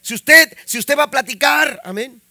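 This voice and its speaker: Predicador mexicano de voz muy aguda y brillante. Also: male voice, extremely high pitch, normal speed, bright, forceful tone, no echo, studio quality. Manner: preaching with frequent "amén" and rising emphasis. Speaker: pastor. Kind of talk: sermon.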